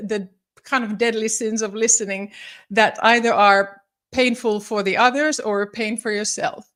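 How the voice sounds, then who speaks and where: A fairly high-pitched, fairly bright voice comes from a Finnish psychologist and leadership coach in her forties during a live-streamed talk. She stays friendly and a little formal while hesitating with many ums and restarts.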